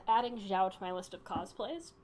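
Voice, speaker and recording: A woman's voice: mid-range voice, a little slow, darkish tone, slight background noise. A woman livestreamer reacting casually to a game with playful asides.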